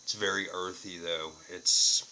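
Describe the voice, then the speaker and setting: A man's voice: low-pitched, steady tone, measured pace, bright, forceful tone, rough recording. A man giving a casual, unscripted product review to camera, plain-spoken and casually profane.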